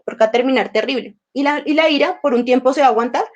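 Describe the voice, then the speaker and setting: A high-pitched woman teaching a workshop on emotional intelligence. She speaks conversationally and slips into short acted dialogues with her own feelings, and her throat sounds slightly sore. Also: racing, darkish tone, dull audio.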